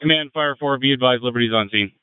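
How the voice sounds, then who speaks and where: A man speaking as a fire incident commander over two-way radio, giving brisk procedural orders in urgent firefighter radio traffic. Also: medium pitch, clear, resonant tone, no echo. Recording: tinny narrow-band two-way radio.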